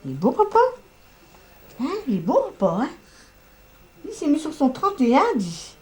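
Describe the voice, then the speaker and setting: A woman's voice: sits high, wildly swooping pitch, normal speed, darkish tone. An older woman, a grandmother, cooing repetitive sing-song baby talk to an infant at home. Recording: roomy home camcorder audio with faint noise.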